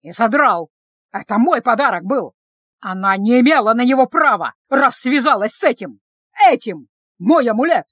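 A hot-headed village man hurls loud accusations, as a woman reader plays him. His voice is lively in pitch, and the recording sounds close and dry. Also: normal speed, no room sound. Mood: angry, yelling. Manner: yelling, accusing.

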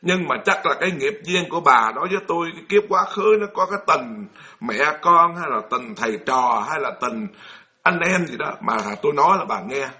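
Bright-voiced Southern Vietnamese monk preaching. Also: male voice, on the high side, lively intonation, fairly quick. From Mekong Delta, Vietnam. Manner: folksy, repetitive, asks audience questions. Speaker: Buddhist monk teacher. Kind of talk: storytelling dharma talk.

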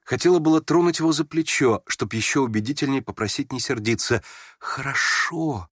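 An audiobook narrator reads a classic novel aloud in a measured, expressive storytelling manner, delivering scripted literary narration. His mid-range voice is recorded with clean studio sound and no room sound.

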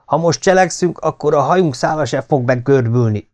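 A man reading an audiobook voices a blunt, defiant sergeant of the legion in a raised, forceful voice. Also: on the high side, pitched above the performer's own voice, lightly acted. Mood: grim. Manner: blunt, grim and confrontational.

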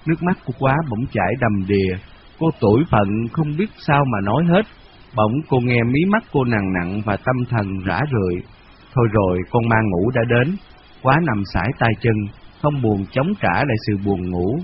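A male narrator reads a novel aloud in a steady, measured storytelling voice of medium pitch. The recording is dull lo-fi radio with slight background noise.

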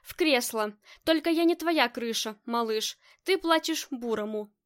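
Audiobook: a woman voicing a wry crime boss wife, teasing and firm, high-pitched. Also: lively intonation, measured pace, clear, resonant tone. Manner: dry, mock-stern.

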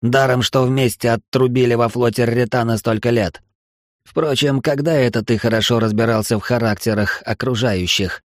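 Guy doing a bitter sneering alien outlaw, spiky tail, mocking every word, mid-pitched, dry close sound. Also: fairly even intonation, moderate pace, no echo, lightly acted. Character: bitter spiteful alien male outlaw officer with tail spikes. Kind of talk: audiobook character voice.

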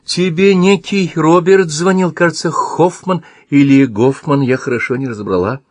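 A man voicing a tender old grandmother, speaking gently and hesitantly. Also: a little high, normal speed, dry recording, studio quality, voice pushed up, lightly acted.

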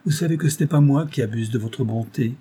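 A man's voice: mid-range voice, brisk, warm tone, breathy edge, close to an everyday voice. A man reading as a timid, pleading innkeeper's wife. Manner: humble, apologetic, pleading. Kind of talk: audiobook reading.

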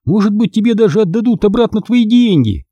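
A man reading aloud, voicing a sensible schoolgirl who gives hushed warnings and advice. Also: high-pitched, lively intonation, fairly quick, breathy edge, dry recording, pitched above the performer's own voice, full character voice. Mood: cautious. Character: sensible schoolgirl, hushing and advising.

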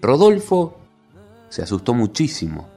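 Lively male storyteller. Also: medium pitch, measured pace, creaky, husky, faint music behind. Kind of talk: scripted story narration.

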